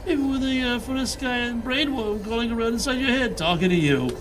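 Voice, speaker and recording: Man putting on a gleeful, high-pitched taunting shadow spirit. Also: a little fast, fairly bright tone, slight background noise. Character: mischievous, taunting shadow voice haunting someone's head.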